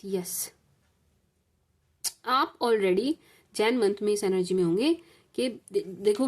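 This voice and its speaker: A woman from India giving a collective tarot reading in a casual, repetitive, reassuring way, mixing Hindi with English phrases. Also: medium pitch. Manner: calls viewers "sweet sugar gems" and adds "ठीक है जी". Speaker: tarot reader.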